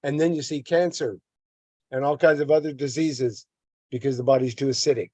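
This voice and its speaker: A man's voice: mid-range voice, steady tone, a little fast, darkish tone, no echo. An older man giving a health lesson, reading a text aloud and breaking off into rants, stumbling and repeating words as he goes. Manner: repeats words, rants at length against a government agency. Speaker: health educator. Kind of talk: reading a text and adding comments.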